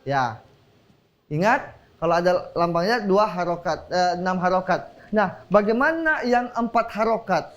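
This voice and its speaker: Speaking unhurriedly in a high, animated voice, a man leads children through a religious lesson in a TV studio. The audio sounds muffled. He encourages and quizzes the kids, uses call-and-response, and praises them again and again.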